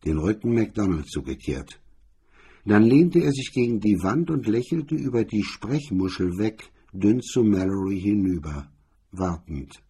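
Very husky, dark-voiced male narrator. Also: lowish voice, expressive, unhurried. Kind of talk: scripted narration of a crime story.

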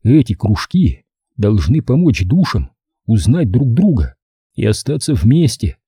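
A man narrating an audiobook in an expressive storytelling manner. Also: mid-range voice, a little slow, slightly rough, dry recording, studio quality. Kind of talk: audiobook reading.

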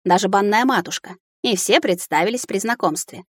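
Woman audiobook narrator, mid pitch, dry booth sound. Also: fairly quick, breathy edge, dry recording.

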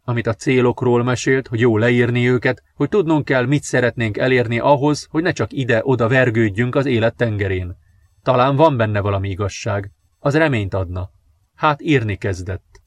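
A man narrating a novel in a calm, measured reading. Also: medium pitch, no room sound, studio quality. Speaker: audiobook narrator. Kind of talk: scripted narration.

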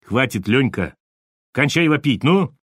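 A man doing a gruff, burly working man. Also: mid-range voice, animated, unhurried, dry recording, clean studio sound. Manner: gruff, curt, impatient.

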